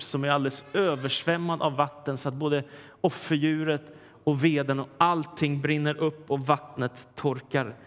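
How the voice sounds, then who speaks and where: Male preacher, vivid storyteller, fairly high voice, long hall reverb. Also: a bit bright. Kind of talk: sermon retelling a Bible story.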